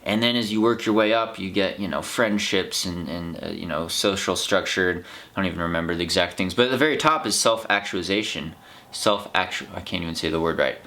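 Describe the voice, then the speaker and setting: An American man with a slightly low-pitched voice talks through his thoughts as a vlogger. His delivery is casual and unscripted, earnest and reflective, wandering from one clause to the next. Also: fast, pushed and bright. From United States. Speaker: vlog host, trail runner. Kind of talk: casual unscripted vlog monologue.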